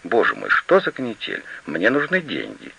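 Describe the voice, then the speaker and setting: A man's voice: lowish voice, huge pitch swings, normal speed, vocal fry, bright, forceful tone, breathy edge, voice pushed up, heavily acted. Man voicing a demanding, imperious noblewoman. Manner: insistent and demanding. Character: proud, pleading, imperious woman estate owner. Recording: slightly lo-fi recording.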